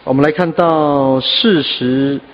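A man delivers a sermon in a slightly high voice, with frequent soft "ah" and "ha" fillers. The recording is dull and muffled. His voice rings with long reverb in a church hall. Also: takes it slowly. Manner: scattered with "ah" and "ha" fillers, earnest. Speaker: pastor.

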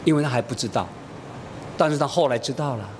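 A middle-aged man preaching a sermon, telling a family story in a homely way and acting out the dialogue. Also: fast. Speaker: pastor. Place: church. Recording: reverberant church hall, faint rumble.

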